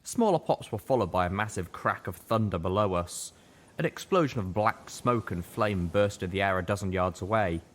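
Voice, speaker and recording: A man reads a dramatic work of fiction in the manner of an audiobook narrator, at a normal speed and with a slightly bright voice. Noticeable background noise, including a low rumble, sits behind him.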